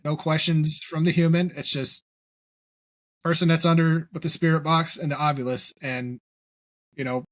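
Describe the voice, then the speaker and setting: A man co-hosting a casual podcast chat, agreeable and trailing off quietly at the ends of thoughts. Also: on the high side, little pitch movement, moderate pace, pauses often, no room sound. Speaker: podcast co-host.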